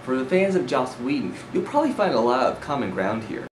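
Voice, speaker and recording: A man's voice: mid-range voice, very animated, a little fast, a little hiss or hum, poor audio. A man giving candid, self-deprecating commentary on a comic. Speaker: comic reviewer. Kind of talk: personal commentary.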